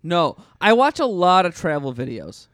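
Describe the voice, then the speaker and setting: A man with a high voice and lively swings in pitch banters casually. He teases and swears, and the sound is dry. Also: moderate pace, no echo. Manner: sweary, teasing.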